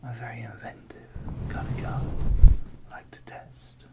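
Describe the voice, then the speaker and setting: Filming himself on a phone, a male ASMR creator whispers into a nearby fluffy-windshield mic in a mid-range, flat voice at a moderate pace. His soft rambling includes playful jokes at his own expense.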